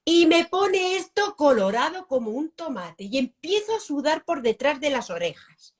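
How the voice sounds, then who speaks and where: Woman, 50s; expert guest, higher-pitched voice, swoops up and down, repeats herself for emphasis. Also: normal speed. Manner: animated, repeats phrases, acts out examples. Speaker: guest pedagogue. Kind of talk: live-stream interview answer.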